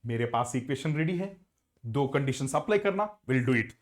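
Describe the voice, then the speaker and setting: A man's voice: medium pitch, animated, racing. A man with an Indian accent teaching an engineering class, switching between Hindi and English and repeating phrases to reassure his students. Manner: repetitive, reassuring, calls students "sirs". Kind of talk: lecture mixing Hindi and English.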